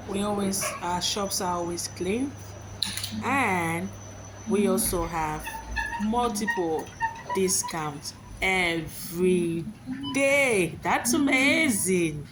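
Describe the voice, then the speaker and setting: A woman's voice: medium pitch, lively intonation, takes it slowly, background noise. A young adult woman who immigrated to Finland, vlogging casually in an upbeat, enthusiastic way and laughing often. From immigrant living in Finland. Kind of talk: casual vlog with a repeated catchphrase.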